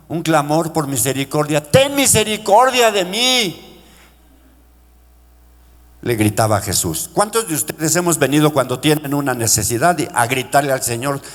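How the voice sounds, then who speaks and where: Male pastor, middle-aged, passionate sermon, fairly high voice, reverberant church hall. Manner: impassioned preaching, pitch rising into shouted quotes; addresses congregation as brothers. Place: church sanctuary.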